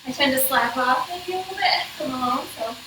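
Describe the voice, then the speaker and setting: A woman's voice: sits high, brisk. A woman chatting casually as a participant in a home workout. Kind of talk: casual chat. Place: indoors in an apartment. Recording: echoey, distant mic, noisy room.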